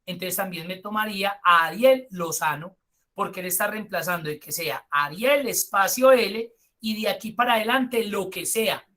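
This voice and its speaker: Colombian male instructor, bright voice, live-class explainer who drifts into chatty asides. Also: high voice, moderate pace. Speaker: spreadsheet course instructor.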